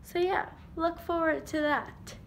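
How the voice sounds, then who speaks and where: Teen girl vlogger, high bright voice, rambling self-mocking chatter into a phone at home. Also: steady tone, unhurried, a little hiss or hum. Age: teenager. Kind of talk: casual vlog chat. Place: at home indoors. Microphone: phone held at arm's length.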